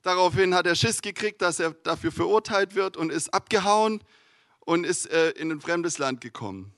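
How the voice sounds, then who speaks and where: Young male preacher, easygoing and slangy, keeps saying "uh," pitched a bit high and recorded dry. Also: moderate pace, no room sound. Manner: relaxed, slangy, many filler sounds. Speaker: youth retreat preacher. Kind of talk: casual sermon with Bible reading.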